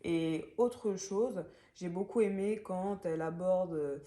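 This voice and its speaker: A young woman speaks with a Gabonese French accent, her voice low and mellow. She talks through a book review in a casual, hesitant way, full of fillers and restarts. The room around her sounds roomy and echoey. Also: slow.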